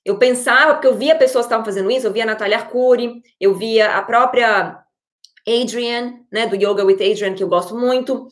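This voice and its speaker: Brazilian woman, kinda high voice, lively motivational talk to her followers. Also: brisk, reverberant. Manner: energetic and expressive. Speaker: online creator and entrepreneur.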